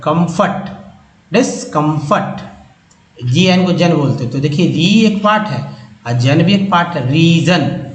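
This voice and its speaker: A man teaching English phonics, sounding out word parts slowly and repeating each sound several times. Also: fairly high pitch, roomy sound, poor audio. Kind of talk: explaining phonics on a whiteboard.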